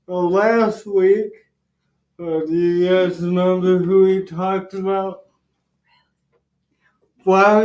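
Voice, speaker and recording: Slow, halting man teaching Bible class. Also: high-pitched, dark tone. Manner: halting, many fillers and restarts. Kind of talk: casual teen Bible lesson. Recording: roomy, dull lo-fi livestream audio.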